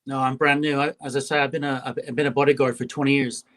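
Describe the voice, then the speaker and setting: A man's voice: medium pitch, little pitch movement, fast, fairly bright tone. Chatty man in his fifties. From England. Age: 50s. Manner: chatty, leans on "you know" and "uh". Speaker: guest. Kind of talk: casual interview on a call.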